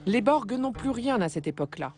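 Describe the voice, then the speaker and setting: A woman reading scripted documentary news narration in a measured, even way. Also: on the high side. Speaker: reporter narrator. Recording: voice-over with loud guitar music.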